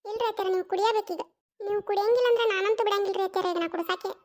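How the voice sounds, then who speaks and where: A performer doing an insistent young cartoon daughter-in-law with a North Karnataka Kannada accent, her voice pitched extremely high. She coaxes and pleads in quick, pestering runs. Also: steady tone, a little hiss or hum. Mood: coaxing. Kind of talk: cartoon voice acting.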